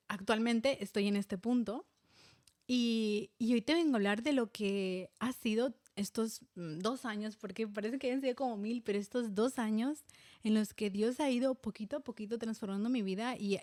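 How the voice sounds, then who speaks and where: A woman's voice: medium pitch, darkish tone, no echo, clean studio sound. A woman in her thirties from Spain, talking candidly and reflectively as a podcast host, with many fillers and restarts. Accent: Spanish from Spain. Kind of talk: personal reflective monologue.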